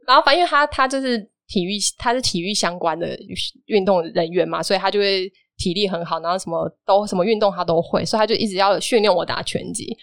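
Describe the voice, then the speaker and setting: A woman's voice: mid-range voice, fast talker, hardly any pauses, no room sound, clean studio sound. A woman, casually recounting a personal story on a podcast and acting out the dialogue. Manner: lively storytelling, animated retelling of dialogue. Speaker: guest telling a personal story.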